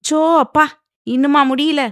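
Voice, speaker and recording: A woman's voice: medium pitch, moderate pace, sharp tone, no echo, clean studio sound, close to an everyday voice. A woman voicing a playful young girl who threatens to tell on her siblings, in an audio novel. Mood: cheeky. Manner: cheeky.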